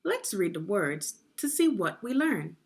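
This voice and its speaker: Her voice sits at medium pitch and sounds slightly mellow, very animated though a touch slow. The woman guides kids through a story in an instructive way, speaking distinctly and quizzing them along the way.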